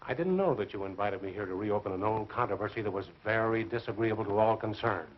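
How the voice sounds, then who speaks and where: An actor playing a stern, skeptical professor in an old horror film, with formal, measured, disapproving speech. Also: male voice, on the low side, a little hiss or hum, close to an everyday voice. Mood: stern, indignant. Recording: muffled old film soundtrack.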